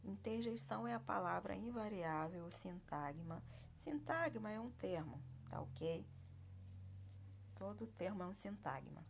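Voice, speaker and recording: Gravelly-voiced woman teaching a grammar lesson. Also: medium pitch, animated, unhurried, slight background noise. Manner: explanatory, frequent check-ins.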